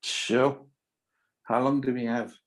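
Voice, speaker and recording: A man's voice: mid-range voice, level tone, slow. A man with an Afrikaans South African accent, chatting casually as a guest on a video call, often searching for his words. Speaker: interview guest, musician. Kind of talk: casual chat.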